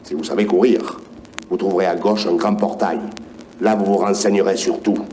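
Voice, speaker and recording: A man's voice: low voice, steady tone, normal speed, warm tone, slight background noise, natural voice. A man playing a weary sighing male angel with a Provençal accent. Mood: patient. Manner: patient, sighing, matter-of-fact. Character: weary male angel keeping the purgatory register.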